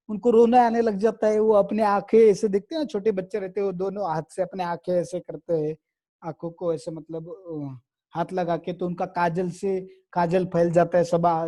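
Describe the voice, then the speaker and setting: A man's voice: high voice, mellow. A man telling a devotional story, explaining as he goes with repetitive asides to listeners.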